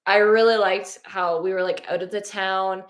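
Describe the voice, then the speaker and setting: A woman's voice: medium pitch, steady tone, moderate pace. A sleepy woman hosting a casual book club chat, talking loosely and trailing off. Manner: chatty, yawning, trailing off.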